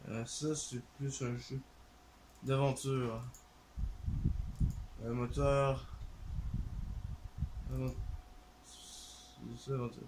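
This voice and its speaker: With drawn-out words and frequent pauses, a man with a Québécois French accent narrates his gameplay for his gaming channel. His medium-pitched voice moves little, his thinking-aloud is hesitant and full of fillers, and background noise is audible.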